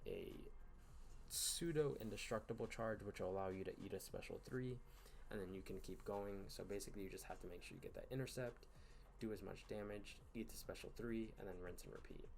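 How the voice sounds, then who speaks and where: A man hosting a gaming channel, giving casual commentary over gameplay late at night, tired and yawning, in a relaxed, rambling way with fillers and sighs. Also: on the low side, fairly quick, gravelly, a little hiss or hum. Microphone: voice-over recorded in one take.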